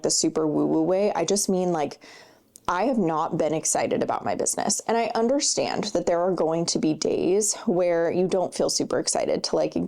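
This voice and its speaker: A woman's voice: fairly low pitch, vocal fry, warm tone. A woman in her twenties hosting a solo podcast, chatting in a casual, upbeat, rambling way with lots of fillers, sounding slightly congested. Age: 20s. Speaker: podcast host.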